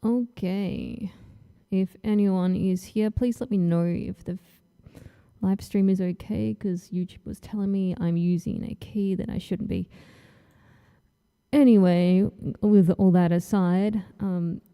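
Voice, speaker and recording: A woman's voice: medium pitch, fairly even intonation, unhurried, mellow, clear, resonant tone. An Australian woman hosting her own livestream in a casual, chatty way, a little nervous and full of ums as she talks and draws. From Tasmania, Australia. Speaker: comic artist hosting her launch stream. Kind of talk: casual livestream chat while drawing.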